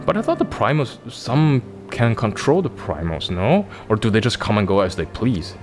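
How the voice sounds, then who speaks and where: A man's voice: fairly low pitch, sing-song, normal speed, over music. Wisecracking man commenting on a game. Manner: chatty, wisecracking, thinks aloud with fillers. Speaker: let's play host. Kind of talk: casual gameplay commentary.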